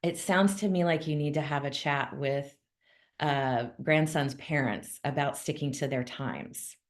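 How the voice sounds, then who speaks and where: Hosting the monthly video call for notaries, this low-voiced woman keeps the mood easygoing. She chats brightly, gets straight to the point, and leans on "um" whenever she pauses.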